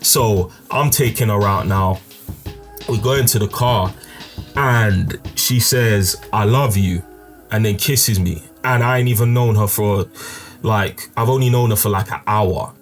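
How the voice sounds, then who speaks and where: A young man tells a personal story in a loose, slangy way, packing it with fillers and asides. His voice sits fairly low. Soft music plays faintly underneath. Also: measured pace. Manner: casual slangy retelling with fillers. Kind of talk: casual storytelling vlog. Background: faint background music.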